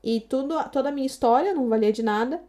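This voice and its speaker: Quick-paced and high-voiced yet dark in tone, this Brazilian woman in her thirties shares her story as a podcast guest. She speaks with a Brazilian Portuguese accent in a casual, animated way, performing the lines of dialogue she quotes.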